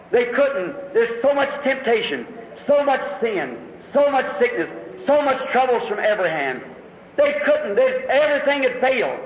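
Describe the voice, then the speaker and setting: A man preaching a sermon, telling stories dramatically and rising to shouts. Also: extremely high pitch, slight background noise. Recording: echoey hall, dull lo-fi recording.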